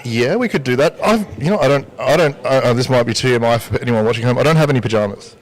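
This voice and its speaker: A man's voice: mid-range voice, quick pace, poor audio. A man, hosting a casual chat. He jokes, laughs often and restarts his sentences. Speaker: livestream host interviewer.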